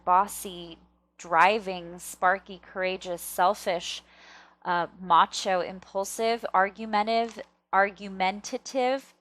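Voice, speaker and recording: A woman's voice: fairly low pitch, a bit bright. A woman hosting a casual pick-a-card reading, chatting to viewers and often checking in, with slightly thick-tongued, stumbling articulation. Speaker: tarot reader and video host.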